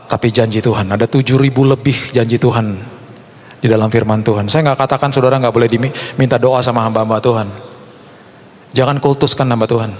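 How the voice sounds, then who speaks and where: A middle-aged man preaching a sermon as pastor, fervent and dramatic. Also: medium pitch. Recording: long hall reverb.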